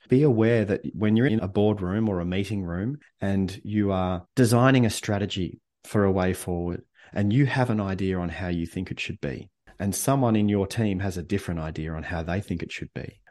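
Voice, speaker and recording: A man coaching on leadership as a podcast guest, speaking in a calm, reflective, earnest way. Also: lowish voice. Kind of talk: casual podcast interview.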